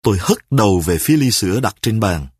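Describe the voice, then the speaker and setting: A man reading a first-person story aloud in an expressive storytelling manner. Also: fairly low pitch, brisk, husky, dry recording, clean studio sound. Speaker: narrator.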